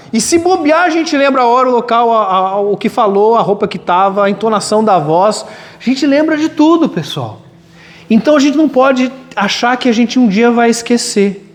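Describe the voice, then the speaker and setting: A male pastor preaching a lively sermon at a church retreat, with humor and acted-out quotes. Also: extremely high pitch. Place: large hall at a retreat. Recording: long hall reverb.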